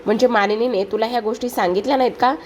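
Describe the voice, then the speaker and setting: A woman voicing a sharp-tongued, scheming woman of the household who taunts and orders the others about. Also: a little high, steady tone, racing, a little hiss or hum, lightly acted. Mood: taunting. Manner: taunting, bossy.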